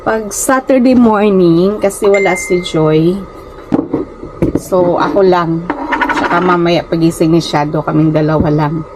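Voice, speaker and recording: Heavy background noise surrounds a lowish-voiced woman vlogger speaking at a measured pace with a Filipino accent. Raised in the Philippines, she chats casually with viewers from her small rented room, stumbling on words here and there and often calling them "guys."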